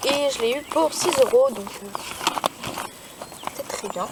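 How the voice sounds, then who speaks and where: A woman's voice: sits high, a little slow, heavy background noise. A teenage girl showing her riding gear in a casual vlog from the boot of a car, hesitant, with many fillers and restarts. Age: teens. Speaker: youtuber. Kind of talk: casual show-and-tell vlog.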